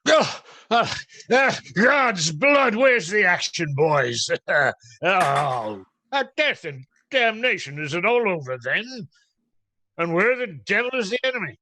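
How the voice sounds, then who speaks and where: An actor playing a loud, hot-tempered, blustering friar who laughs and grumbles in a radio play. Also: male voice, high voice, sing-song, slow, full character voice. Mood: indignant. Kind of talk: stage radio-play acting.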